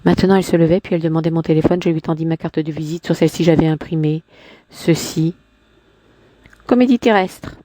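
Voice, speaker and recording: A woman reading a novel aloud in a measured literary manner, sometimes stopping to restart a line. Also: low voice, dark tone, no room sound.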